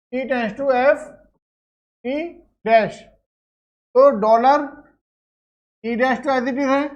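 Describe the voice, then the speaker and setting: Woman teacher, slow careful lecture, high voice, muffled lo-fi sound. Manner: explains step by step, checks with "clear?". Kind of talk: classroom lecture.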